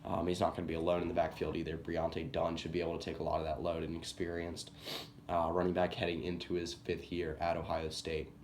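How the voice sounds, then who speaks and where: A man's voice: deep voice, completely flat delivery, a little fast, a little mellow, a little hiss or hum. A young man who is sick, giving a casual, rambling college football team preview on his channel and correcting himself as he goes. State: sick, coughing. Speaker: sports YouTuber.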